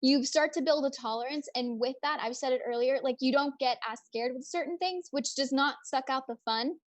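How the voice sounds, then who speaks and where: A young woman hosting a casual livestream, chatting brightly and reading out viewer comments and questions. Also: high-pitched, fairly quick. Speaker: livestream host.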